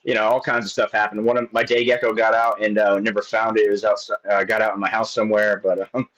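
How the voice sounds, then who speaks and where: A man's voice: lowish voice, flat delivery, fast talker, muffled recording, over a noisy crowd. A man in his late thirties, a guest in casual chat, rambling along with many restarts and fillers. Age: 30s.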